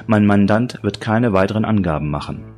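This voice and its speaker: A man's voice: lowish voice, a little fast, darkish tone, lightly acted. A man voicing a slick male corporate lawyer who speaks coolly and businesslike. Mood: curt. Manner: cool, businesslike.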